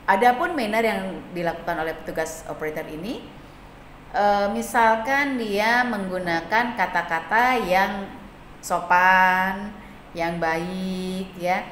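A woman's voice: on the low side, a bit bright. A woman teaching a hospitality lesson, explaining step by step with frequent hesitation fillers and acting out sample phone greetings. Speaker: hospitality instructor. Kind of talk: classroom lecture. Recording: echoey room with faint noise.

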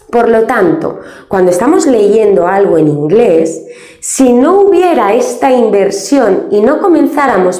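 A woman teaching an English grammar lesson step by step, patient and explaining things slowly with many diminutives. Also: on the high side, warm tone, echoey room.

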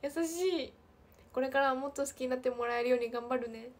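Breathy young woman chatting on a stream. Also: high-pitched, fairly quick. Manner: chatty, drops into soft breathy half-whispers. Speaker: idol livestream host. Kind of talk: casual livestream chat reading comments.

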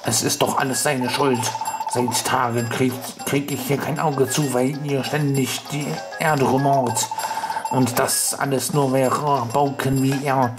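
Man doing an irritable steel bird beast, scolding, over loud game music. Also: medium pitch, flat delivery, measured pace, lightly acted, rough recording. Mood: angry. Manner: angry, scolding. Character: grumpy sleepless steel bird creature, hostile.

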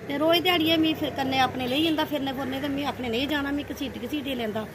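Middle-aged mom, high voice, teasing and bossy, noisy outdoor sound. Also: female voice, steady tone, fast talker. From Jammu. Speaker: vlogger's mother. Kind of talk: casual vlog intro.

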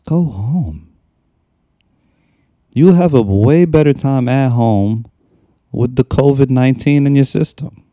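A man's voice: medium pitch, takes it slowly, pauses often, warm tone, no echo. A young man hosting a reaction video, talking in a casual, mocking and exasperated way and repeating himself as he scolds, recorded at a desk microphone in a small room at home. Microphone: desk microphone on a stand.

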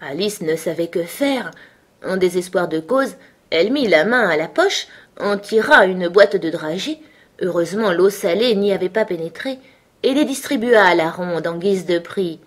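A woman narrating a children's storybook in an expressive way. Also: fairly low pitch, normal speed.

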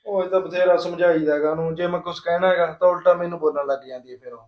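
Casting: actor as a placating young husband, quick and fairly high voice. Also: male voice, fairly even intonation, highs cut off, close to an everyday voice. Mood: reasoning. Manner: placating, reasoning, patient. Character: easygoing young husband caught between wife and sister-in-law. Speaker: husband, a day laborer. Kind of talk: short-film drama dialogue.

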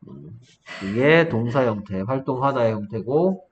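A man teaching an English vocabulary lesson to a student in a small room, explaining step by step and quizzing with quick questions. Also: medium pitch, expressive. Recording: dull lo-fi room recording, faint noise.

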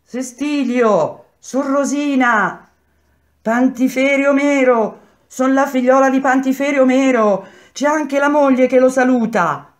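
A woman voicing a desperate young wife loudly calling up to the prison bars. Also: sits high, slow pace, voice pushed up. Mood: desperate shouting. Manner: loud calling, straining.

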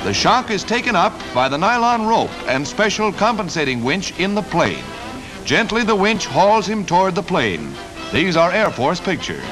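A man narrates an old newsreel in the brisk, punchy announcer style of the 1940s. His voice sits high and swoops up and down with showy emphasis, dropping into dry little asides. Loud music plays beneath him the whole way. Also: sing-song, poor audio. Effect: old newsreel recording.

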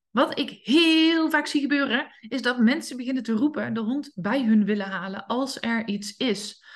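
A woman hosting a solo podcast as a dog trainer, talking lively and acting out how owners call their dogs. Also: medium pitch. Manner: lively, acts out calling her dog in quoted voices.

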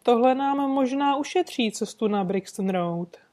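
A woman reading an audiobook, voicing a composed, courteous gentleman detective who speaks calmly and sweetly insists. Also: fairly high pitch, natural voice. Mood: suave. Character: composed, suave gentleman detective, adult man.

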